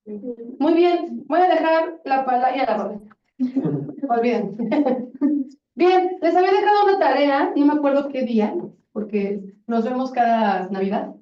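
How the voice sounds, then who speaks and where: A woman's voice: high-pitched, animated, measured pace, reverberant. A woman teaching a grammar lesson, asking students questions and encouraging them. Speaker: Spanish teacher. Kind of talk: classroom lesson. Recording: lo-fi classroom recording from a distance.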